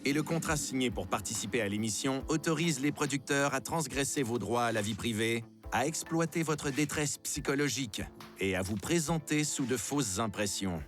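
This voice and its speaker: A man giving measured, slightly ironic scripted narration for a documentary. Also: medium pitch, lively intonation, soft background music.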